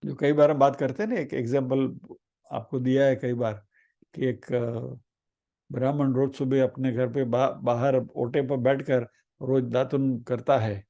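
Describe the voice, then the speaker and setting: A man giving a spiritual discourse on scripture, telling a story with lively acted-out voices, asking the listeners rhetorical questions and mixing in English phrases. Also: medium pitch, measured pace. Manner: asks the audience rhetorical questions; mixes English phrases into the talk. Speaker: spiritual teacher.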